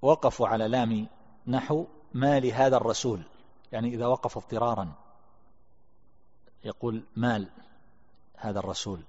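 Calm male teacher reading and explaining a text, lo-fi recording with lingering reverb. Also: mid-range voice, normal speed, pauses often. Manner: calm explanatory, reads quotes aloud then comments. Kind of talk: lecture.

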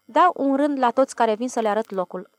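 A woman's voice: a little high, dry recording, studio quality, lightly acted. A woman voicing a frightened village man, insisting with oaths that he saw a flying saucer. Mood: insistent. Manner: pleading, emphatic, swearing oaths.

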